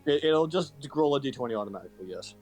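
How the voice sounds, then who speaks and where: A man runs a tabletop game as game master, talking over an online call. His narration is halting, full of restarts and fillers, at an ordinary middle pitch. Soft music plays faintly underneath. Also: expressive. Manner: hesitant, with many restarts.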